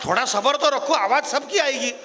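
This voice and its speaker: Joking with the audience at a live stage event, the Rajasthani comic poet from Marwar rises into declaiming verse in his stand-up poetry recital. His male voice is high and bright, fairly quick, with a faint crowd and a little hiss or hum behind it.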